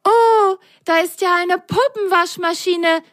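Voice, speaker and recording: A woman voicing Lili, a curious and excitable little girl sock in a children's storybook, with a high and eager voice. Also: takes it slowly. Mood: delighted.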